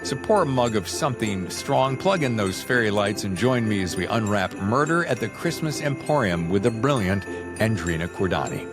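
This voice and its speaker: With music playing behind him, a fairly low-voiced American man hosts a podcast at a normal pace, full of expression. His style is effusive and full of jokes as he reads a scripted intro and then chats casually with his guest.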